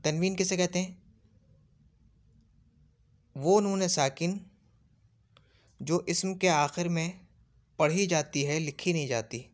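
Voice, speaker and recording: In a classroom Arabic grammar lesson, a man whose first language is Urdu patiently goes over points again and asks whether students have understood. He speaks slowly, with long pauses, in a fairly high pitch.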